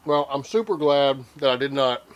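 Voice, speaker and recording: An older man, taste-testing a hot barbecue sauce on his cooking vlog, teary and sniffling from the heat, with slow, drawn-out hums and sighs. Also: mid-range voice, lively intonation, highs cut off, a little hiss or hum. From Texas. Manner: slow, drawn-out reactions to spicy food with many hums and sighs. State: teary, nose running from the heat. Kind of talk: casual taste-test reaction.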